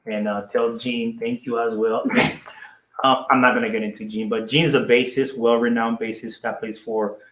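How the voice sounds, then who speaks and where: A man's voice: medium pitch, flat delivery, normal speed, a bit bright. A man from Haiti, leading a ministry and addressing a livestream in a casual, earnest way, thanking people again and again. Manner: earnest, repeats his thanks over and over. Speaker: ministry leader hosting a livestream. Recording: roomy echo.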